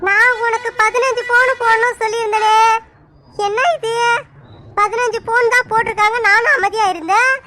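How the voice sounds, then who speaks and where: A woman voicing a loud, bossy village mother-in-law in a cartoon, shouting and nagging in village Tamil speech. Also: fairly even intonation, normal speed. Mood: scolding. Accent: Tamil Nadu village speech. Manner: shrill, bossy, shouts and nags. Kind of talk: cartoon dub acting.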